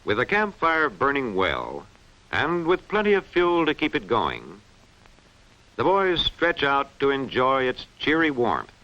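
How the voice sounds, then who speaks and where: A man with a bright, forceful, medium-pitched voice narrates a scripted educational film at a measured pace. His intonation rises and falls animatedly as he enunciates each point clearly and didactically. The sound is muffled and band-limited, like an old film soundtrack.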